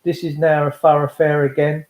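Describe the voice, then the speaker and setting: Speaking briskly in a slightly high, level and somewhat mellow voice, an English livestream host delivers a fervent political address to his followers, stressing his points and repeating phrases. The sound is poor and reverberant.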